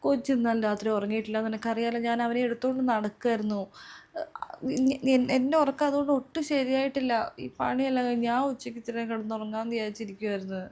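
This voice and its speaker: Woman playing a worn-out sister-in-law, rapid-fire complaining, high voice. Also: steady tone, darkish tone, lightly acted. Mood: weary. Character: overworked elder sister-in-law, weary and fed up. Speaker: sketch comedian.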